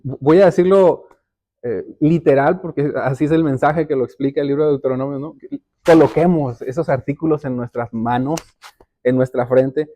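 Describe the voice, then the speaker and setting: A man's voice: mid-range voice, normal speed, mellow. A man preaching a sermon as pastor, speaking earnestly to the congregation and often repeating words as he builds a point. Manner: addresses listeners directly as brothers and sisters.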